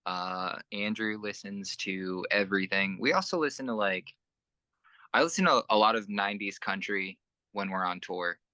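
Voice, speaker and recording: A man's voice: lowish voice, moderate pace, pushed and bright, no echo. A young man who plays in a band, chatting casually in an interview and rambling with lots of fillers and restarts. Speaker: band musician, interview guest.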